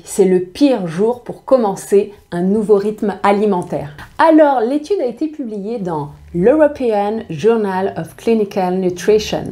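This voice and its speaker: A woman's voice: medium pitch, dark tone. Woman, middle-aged dietitian; emphatic advice-video delivery, rhetorical questions, playful asides. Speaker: dietitian giving nutrition advice. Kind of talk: direct-to-camera advice video.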